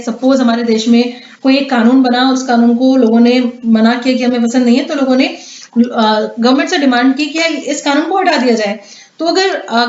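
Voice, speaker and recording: Female teacher, high voice, exam-prep lecture with frequent fillers and check-ins; echoey, lo-fi recording. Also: a little mellow. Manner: explains with many fillers and restarts, checks in with "है ना". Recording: echoey dull lo-fi room sound.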